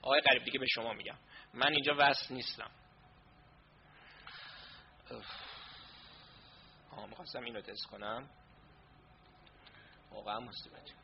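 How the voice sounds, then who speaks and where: A man's voice: mid-range voice, creaky, long pauses, lo-fi sound, a little hiss or hum. A man presenting a live online class, flustered as he sorts out connection and sound problems aloud. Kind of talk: casual talk during a live online session.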